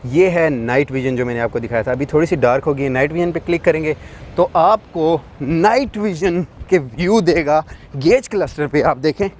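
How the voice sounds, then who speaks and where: A man's voice: a little high, darkish tone. Man casually explaining, faint noise. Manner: explains by demonstrating, many fillers. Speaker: car reviewer. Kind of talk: casual walkaround review. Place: inside a large SUV.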